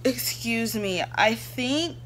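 A woman's voice: fairly high pitch, lively intonation, takes it slowly, fairly bright tone, slight background noise. A young woman in a casual, rambling vlog, chatting to her viewers with easy laughs. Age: young adult. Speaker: vlogger. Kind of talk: casual chat.

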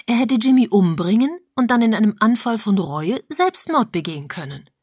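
A woman's voice: a little high, expressive, moderate pace, darkish tone, husky, no echo, clean studio sound, pitched above the performer's own voice. A woman reading an agitated lady sleuth. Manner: agitated, pressing.

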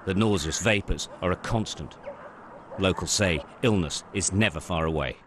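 News narration: older man, low voice, measured, grave, faint outdoor hiss. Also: fairly bright tone. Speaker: reporter.

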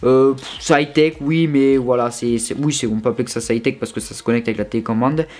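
A man's voice: medium pitch, fairly even intonation, fast, a little mellow. A young man giving a casual product review from his bedroom, chatty and informal with many fillers and restarts. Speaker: tech reviewer.

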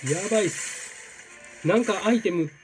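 A man commentating his own gameplay, exclaiming and repeating words in quick bursts. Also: high voice, music in the background. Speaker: game streamer. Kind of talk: excited let's-play commentary.

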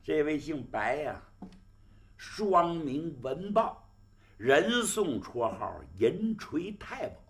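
A man voicing a genial, frank old outlaw in a gravelly, dramatic storytelling manner. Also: on the high side, big pitch swings, slow, exaggerated voice. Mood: introducing guests.

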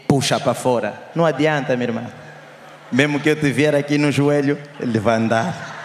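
A young man with an Angolan Portuguese accent doing live stand-up, teasing the crowd loudly and shouting his punchlines. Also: mid-range voice, a little hiss or hum. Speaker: stand-up comedian. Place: live comedy show on stage. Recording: echoey hall with crowd.

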